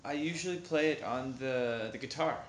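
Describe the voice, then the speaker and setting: A man, a singer, answering questions in slow, simple, hesitant speech with many pauses and ums. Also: medium pitch. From Canada. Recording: echoey room with faint noise.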